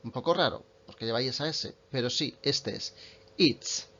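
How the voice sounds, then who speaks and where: A man, a native Spanish speaker, explaining English grammar in an online lesson and slowing right down to read example sentences. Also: medium pitch, a bit bright, lo-fi sound. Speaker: English teacher.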